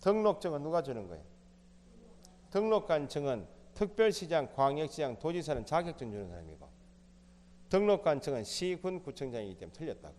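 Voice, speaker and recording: A man's voice: a little high, sing-song, a little fast, darkish tone, big-room sound. A man teaching an exam prep lecture, asking the class questions and answering them himself. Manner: quizzing, asks and answers his own questions. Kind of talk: recorded lecture.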